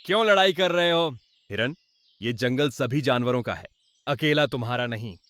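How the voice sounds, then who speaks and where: A man voicing a wise, calm male elephant in a cartoon who settles a quarrel. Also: mid-range voice, normal speed, no echo, lightly acted. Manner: calm, reasoning.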